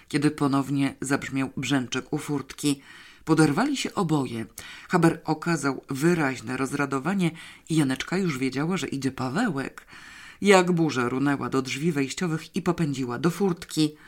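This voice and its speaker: Lively audiobook narrator, middle pitch. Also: moderate pace.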